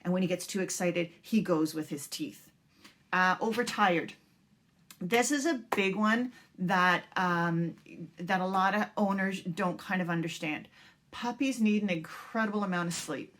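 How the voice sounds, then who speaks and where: A woman's voice: on the low side, unhurried, a bit bright. Reassuring woman dog trainer explaining. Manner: reassuring, repeats points with fillers. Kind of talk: casual instructional talk.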